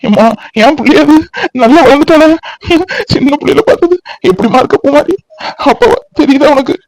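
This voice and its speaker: A man's voice: extremely high pitch, animated, brisk, dry recording. A man doing a remorseful returning cartoon father. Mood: tearful. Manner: gentle, fatherly questioning. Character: remorseful father returning home after years away. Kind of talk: animated family drama voice acting.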